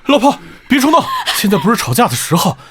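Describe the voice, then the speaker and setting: A spineless young husband in a short melodrama. He talks fast in an urgent, whiny and reproachful way, with a high, animated voice. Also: breathy edge, heavily acted. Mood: anxious calming. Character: spineless, self-serving young husband siding with his wife. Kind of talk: melodramatic short-drama acting.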